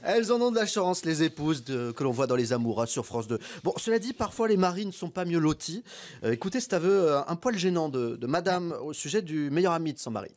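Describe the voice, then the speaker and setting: Fast-joking male radio host. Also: a little high, sing-song, a little mellow. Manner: joking, teasing, quick banter. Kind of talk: comic radio chat with clips.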